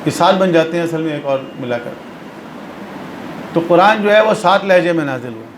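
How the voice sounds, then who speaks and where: A man's voice: fairly high pitch, lively intonation, echoey room, noisy background. A man giving a religious lesson. He explains patiently and repeats phrases for emphasis. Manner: explanatory, mixes English terms into speech. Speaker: religious lecturer.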